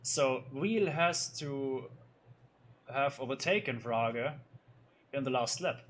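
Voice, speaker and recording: A male race commentator loosely goes over a sim racing league's results, hesitating, restarting and using lots of fillers. His mid-range, fairly bright voice is slow, with slight background noise.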